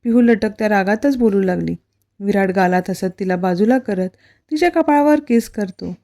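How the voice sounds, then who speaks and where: Mellow-voiced woman reading a romance story. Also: mid-range voice, moderate pace. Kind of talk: scripted story narration.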